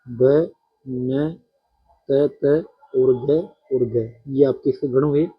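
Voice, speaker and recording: A man teaching a poetry-meter lesson, counting syllables aloud slowly and speaking directly to his students. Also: fairly high pitch, breathy edge, highs cut off.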